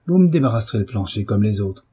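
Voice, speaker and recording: A man's voice: lowish voice, animated, fast talker, warm tone, husky. A man reading a novel aloud and voicing a drunken, hulking husband who bullies and threatens his wife. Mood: bullying. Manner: bullying, blustering threats. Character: brutish drunken giant of a husband, furious.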